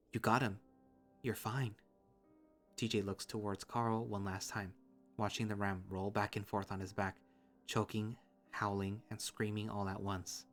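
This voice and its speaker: A young man reading a visual novel aloud in first person, with steady, earnest storytelling. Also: lowish voice.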